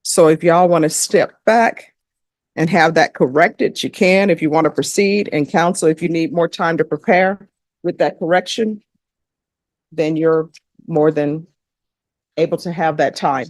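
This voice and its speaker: A woman's voice: low-pitched, measured pace, darkish tone, no room sound, clean studio sound. A woman judge, presiding over a court hearing in a firm, direct manner.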